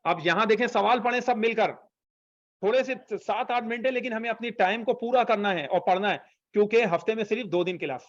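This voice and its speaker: A man's voice: sits high, no echo, dull audio. A man teaching an online language class, patiently repeating phrases for students to copy. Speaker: Arabic teacher.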